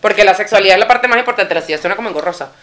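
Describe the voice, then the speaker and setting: A woman's voice: medium pitch, lively intonation, rapid-fire, a bit bright. A woman co-hosting a casual chat show, playful and direct as she gives advice to viewers. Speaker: co-host. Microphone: video camera setup.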